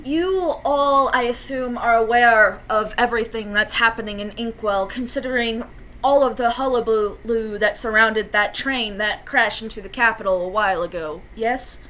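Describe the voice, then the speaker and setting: Woman doing an elderly cartoon grandparent, rambling, folksy, bright voice. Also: high voice, takes it slowly, a little hiss or hum, heavily acted. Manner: long-winded, folksy storytelling.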